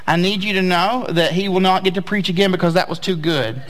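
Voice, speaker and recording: A man's voice: sits high, a little fast, fairly bright tone, slight background noise. An American man of about forty preaching a church sermon as a pastor, conversational, with emphatic repetition for effect.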